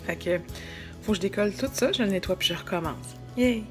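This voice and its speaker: Speaking to camera with music underneath, this Quebec French-accented woman in her thirties chats casually and self-deprecatingly with her vlog audience. She's brisk, with a medium-pitched voice.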